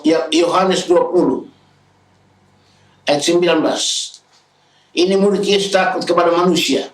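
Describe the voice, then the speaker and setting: Male pastor preaching in a big church, slightly high voice, roomy sound. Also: far from the mic. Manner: preaching, retells scenes in raised voices. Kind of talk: sermon. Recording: echoey hall, speaker away from the mic.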